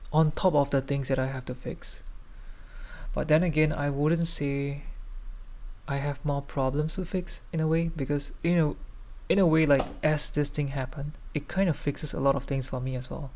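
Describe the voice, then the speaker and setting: A man's voice: a little high, fairly even intonation, moderate pace, darkish tone. A man podcasting solo in a tipsy, loose, rambling casual chat, hesitating, trailing off and circling back. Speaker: podcast host.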